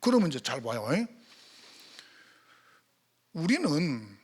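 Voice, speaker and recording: A man's voice: on the high side, very animated, takes it slowly, a little mellow, husky. A male pastor with a Gyeongsang accent, preaching a sermon in church and firing rhetorical questions at the congregation. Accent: Gyeongsang Korean. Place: church sanctuary.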